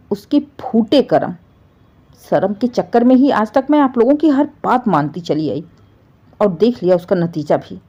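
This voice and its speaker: A woman's voice: mid-range voice, mellow, husky, highs cut off. A woman voicing a young daughter-in-law who answers back coldly, defiantly and sarcastically. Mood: bitter, cold.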